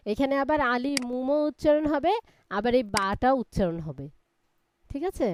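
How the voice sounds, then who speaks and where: A woman's voice: high-pitched, expressive, normal speed, a little hiss or hum. A woman teaching a live Quran reading class, spelling out letters one by one and patiently explaining the reading rules.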